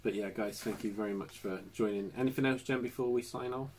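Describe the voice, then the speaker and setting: A man's voice: on the low side, steady tone, quick pace, a little mellow. A man hosting a casual live stream from home, chatty and laughing often as he talks to viewers. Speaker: channel host. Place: home living room.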